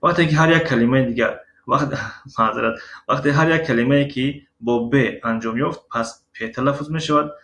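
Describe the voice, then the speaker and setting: Tajik man teaching, slow and gravelly. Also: medium pitch, fairly bright tone. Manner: slow, syllable-by-syllable read-aloud of example words; halting, with frequent filler sounds. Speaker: Russian language teacher. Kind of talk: recorded language lesson. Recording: roomy echo with faint ambient noise.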